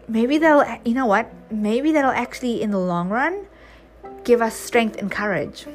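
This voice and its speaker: A woman giving an earnest, chatty devotional talk to her viewers, with bursts of excitement and many restarts. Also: on the high side. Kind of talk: casual devotional talk to camera.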